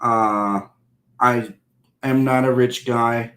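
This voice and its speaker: A man's voice: mid-range voice, steady tone, drawn-out words, fairly bright tone, echoey room, rough recording. A man in his thirties from Ohio, live-streaming and chatting loosely and profanely with his viewers. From Ohio, USA. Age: 30s. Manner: loose, profane, talks straight to chat.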